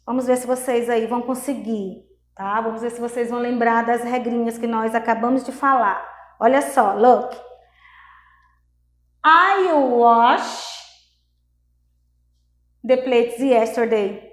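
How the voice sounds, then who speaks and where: A woman's voice: a little high, steady tone, normal speed. A woman with a Brazilian Portuguese accent teaching an English class, explaining step by step and often checking in with her students. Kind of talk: recorded class lesson. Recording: echoey room.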